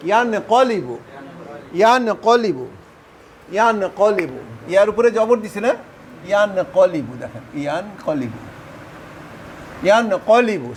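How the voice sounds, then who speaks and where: High-voiced male teacher drilling verb forms. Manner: repetitive chanting drills, questioning students. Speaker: Arabic grammar teacher.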